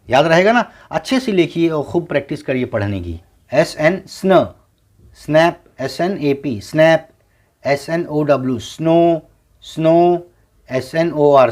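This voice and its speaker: Male phonics teacher, slightly high voice, very slow and patient, spells out words and repeats them. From India. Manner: spells words letter by letter, repeats each word slowly. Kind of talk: slow classroom lesson.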